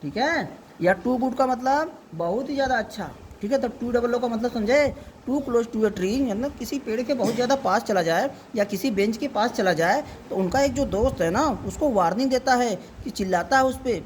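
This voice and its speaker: Patient male tutor, slow and careful. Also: very high-pitched, slight background noise. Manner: patient, reads word by word for a child to repeat. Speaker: home tutor. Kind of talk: English reading lesson explained in Hindi.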